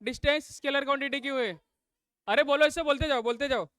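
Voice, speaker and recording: A man's voice: very high-pitched, quick pace, sharp tone, dry recording. A man teaching a live class. He fires call-and-response questions at his students and scolds the noisy ones.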